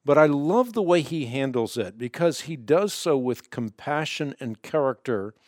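A man hosting a religious call-in broadcast, speaking deliberately and emphatically with speech slightly impeded by a swollen, split lip. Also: medium pitch, animated, no echo, studio quality.

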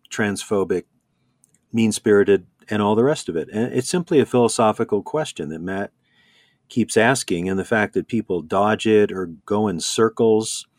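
Low-voiced man explaining in dry close sound. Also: dry recording. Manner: measured, explanatory, quotes others. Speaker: commentator. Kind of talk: conversational commentary.

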